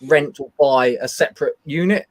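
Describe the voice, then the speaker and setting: A man's voice: medium pitch, moderate pace. A British man chatting casually as a guest, rambling and repeating words as he goes. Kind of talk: casual chat.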